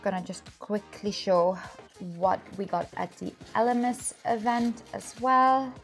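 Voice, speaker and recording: A woman's voice: mid-range voice, a little slow, soft background music. A woman lifestyle vlogger with an upbeat, enthusiastic manner, chatting casually and narrating her days. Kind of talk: casual vlog narration and haul chat.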